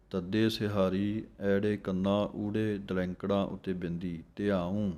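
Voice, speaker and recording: A man gives a slow, patient recitation lesson. His voice sits fairly low and flat. He chants each verse and then spells it out letter by letter. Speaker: Sikh scripture teacher.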